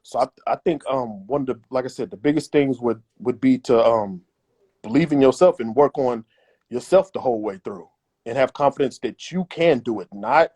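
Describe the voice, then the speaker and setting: A man's voice: medium pitch, moderate pace, warm tone, breathy edge. A man as an interview guest giving emphatic, repetitive advice in a casual chat. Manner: emphatic and repetitive, acts out imagined voices.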